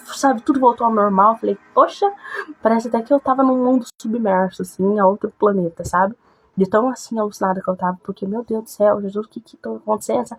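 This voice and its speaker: A woman's voice: mid-range voice, a little mellow, low-quality recording. A woman telling a personal faith testimony in a conversational way, often checking in with her listeners. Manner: conversational, frequent tag questions. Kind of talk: emotional testimony.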